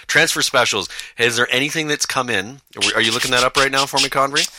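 A man's voice: medium pitch, fast talker, crowd noise. A man hosting a casual sports podcast, talking with lots of fillers and restarts while steering the discussion. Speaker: podcast host.

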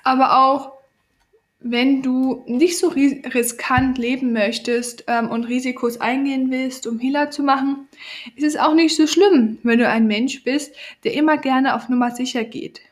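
A podcast host who has a cold delivers an earnest motivational monologue directly to the listener, coaching them along. Her voice sits high and steady, and she speaks a little slowly.

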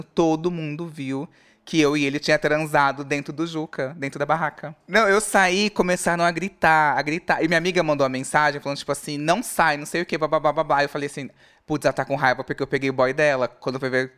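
A man telling a lively, slangy personal story in a casual chat. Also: fairly high pitch, clear, resonant tone.

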